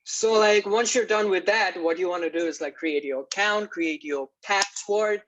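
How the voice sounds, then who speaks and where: A man's voice: high voice, moderate pace, a bit bright, rough recording. A young man from Nepal giving a class project presentation, walking through technical steps with many "like" and "uh" fillers. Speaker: student presenter.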